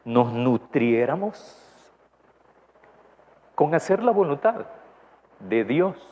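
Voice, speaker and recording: A man's voice: on the high side, sing-song, drawn-out words. A man with a Salvadoran accent preaching a conversational sermon, often asking his congregation questions. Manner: asks the congregation questions, tag "¿verdad?". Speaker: pastor. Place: church. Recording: dull lo-fi church recording, faint noise.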